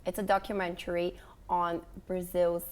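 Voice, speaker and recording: Low-voiced woman reviewing television informally. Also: level tone, moderate pace. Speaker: television critic and guest.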